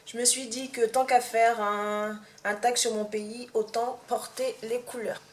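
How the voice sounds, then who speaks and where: A young woman with a Martinican accent talks casually to her camera, often pausing and restarting her sentences. Her voice rings in a bare, echoey room, with a faint hum underneath. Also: on the high side, little pitch movement. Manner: hesitant, many fillers and restarts. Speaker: vlogger. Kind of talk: casual tag video to camera.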